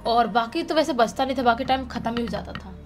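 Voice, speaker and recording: A woman's voice: a little high, fast, soft background music. Chatty woman telling a spooky tale. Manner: chatty, repeats phrases for effect. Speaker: storyteller. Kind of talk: casual spoken storytelling.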